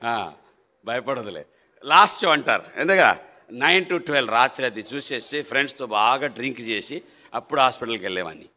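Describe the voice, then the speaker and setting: A middle-aged man tells his conversion testimony with a bright, forceful voice. He speaks emphatically, his voice swinging from loud bursts down to low, quiet asides. His voice rings with the long echo of a hall. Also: lively intonation, fairly quick. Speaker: church member giving his testimony. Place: prayer hall. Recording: echoey hall.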